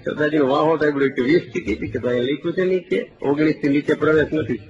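A comedian tells jokes live in a chatty way and keeps turning to the audience. His voice sits fairly high. The sound is dull, and a big crowd can be heard around him. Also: very fast. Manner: chatty, joke-telling, asks the audience. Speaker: stand-up comedian.

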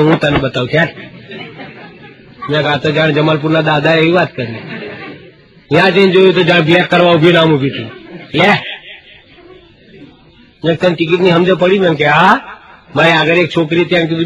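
High-voiced Gujarati stand-up comedian. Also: male voice, a little fast, long pauses, rough recording. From Gujarat, India. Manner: animated, acts out quoted voices for jokes. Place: stage before a live audience. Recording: live show with loud crowd laughter.

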